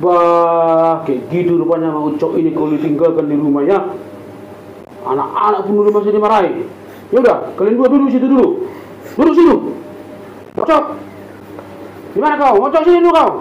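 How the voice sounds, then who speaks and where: A quick, high-voiced Batak father, all bluster and scolding, who can turn meek when he finds he was wrong, as a man plays him. He talks fast and has a faint hiss of noise behind him. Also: highs cut off, natural voice. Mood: questioning. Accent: Batak Indonesian. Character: hot-tempered Batak father, later remorseful. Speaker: father of the household. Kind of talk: amateur family drama acting.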